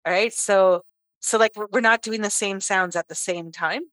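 A middle-aged woman from Canada, a throat singer chatting as a guest in an interview, lively and quick to laugh. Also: mid-range voice, no room sound. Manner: lively storyteller, laughs often. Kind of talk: casual interview chat.

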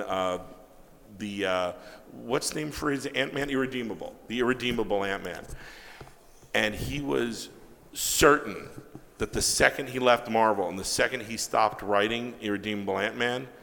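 A man, a comic book writer, telling casual anecdotes in an interview, animated, acting out quoted dialogue and swearing freely. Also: fairly low pitch, creaky, in a large hall, slight background noise.

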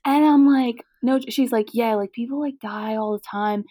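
A young woman co-hosting a podcast, telling a story in a chatty, animated way, full of fillers and acted-out quotes. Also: a little high, normal speed, no echo, studio quality. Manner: chatty, animated, lots of "like", acts out quoted voices. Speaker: podcast co-host. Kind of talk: casual chat, storytelling.

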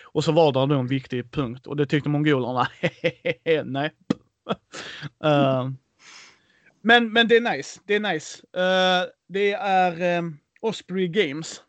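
A man in casual podcast chat, talking about board games with a fairly high, bouncy voice. He jokes and throws in sarcastic asides. The sound is close and dry. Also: dry recording. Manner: animated, joking, sarcastic asides. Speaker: podcast co-host.

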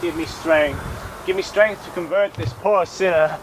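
A man playing a zealous, creepy cult recruiter with slow, preachy, drawn-out speech in an amateur comedy sketch. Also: on the high side, fairly even intonation, slight background noise, close to an everyday voice, low-quality recording. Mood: frenzied.

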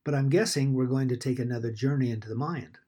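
A man's voice: medium pitch, fast talker, warm tone, slightly rough. A man co-hosting a podcast, asking questions in a conversational interview style.

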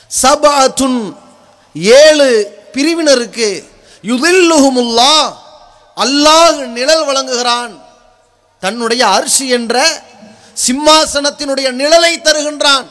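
High-pitched man preaching in thunderous oratory. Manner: forceful, declamatory, rhetorical build-up in short phrases.

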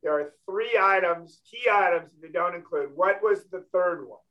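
A man's voice: high voice, moderate pace, lo-fi sound. A man hosting a financial talk show, blunt and emphatic, often checking in with "okay?". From California. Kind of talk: casual talk show chat.

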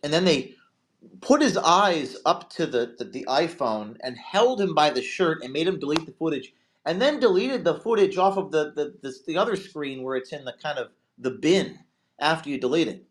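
A man's voice: a little high, expressive, normal speed. A man hosting a casual livestream, talking conversationally and often repeating words as he restarts sentences. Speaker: livestream host.

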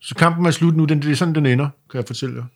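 A man's voice: a little high, a little mellow. A man in casual podcast conversation, circling hesitantly around his phrasing.

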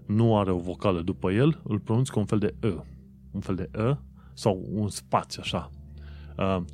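A man hosting a casual solo podcast, explaining how words are pronounced and repeating them slowly to demonstrate. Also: on the low side, a little mellow. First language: Romanian. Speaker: podcast host.

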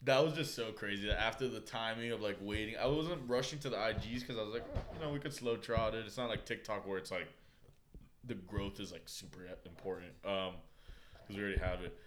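A young man co-hosting a podcast in loose, profane banter. His voice is bright and forceful. He laughs often and slips into acted-out quotes. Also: fairly low pitch, fairly quick, slight background noise. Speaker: podcast co-host. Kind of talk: casual chat.

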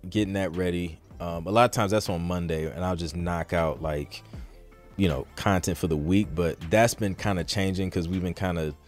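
A podcast host with a low, steady voice speaks at a normal speed over faint background music. He reads listener questions and answers them in a casual live Q&A, rambling and thinking aloud with plenty of "like" and "you know."

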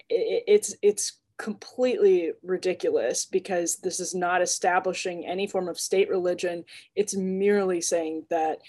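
A woman's voice: lowish voice, darkish tone. A woman co-hosting a political podcast, talking through a topic in a casual, thoughtful way and often restarting her phrases. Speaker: podcast co-host. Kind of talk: casual panel talk.

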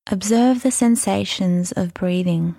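Slow, creaky-soft woman guiding meditation. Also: medium pitch, dry recording, clean studio sound. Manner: soothing, unhurried, gentle instruction with long pauses. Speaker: meditation guide. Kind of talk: guided mindfulness meditation.

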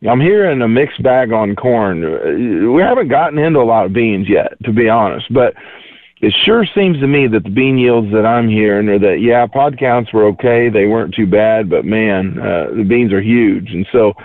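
A man's voice: on the low side, expressive, moderate pace, no echo. Folksy man talking over a tinny phone line. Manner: folksy, rambling with many fillers. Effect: heard over the phone. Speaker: market analyst guest. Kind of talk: casual market commentary.

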